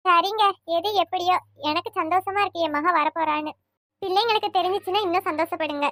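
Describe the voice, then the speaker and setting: A woman's voice: extremely high pitch, fast, a bit bright, no room sound, clean studio sound. A woman voicing a fussy, chatty village wife in a cartoon. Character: eager village wife awaiting her daughter.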